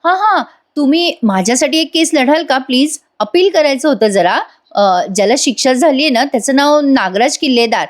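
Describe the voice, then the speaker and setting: A woman's voice: sits high, animated, moderate pace, voice pushed up. A woman voicing a frustrated young woman hunting for a lawyer, in a soap recap voice-over, muttering in exasperation. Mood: exasperated.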